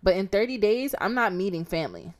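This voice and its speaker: A woman's voice: medium pitch, lively intonation, a little fast. A woman co-hosting a casual relationship chat, frank and blunt, with casual swearing. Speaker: podcast co-host.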